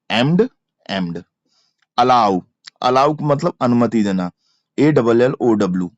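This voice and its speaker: A male teacher with a Hindi accent and a medium-pitched voice gives an exam-prep grammar lecture, spelling words letter by letter and repeating every verb form. The recording is dry, from a slightly dull lo-fi mic.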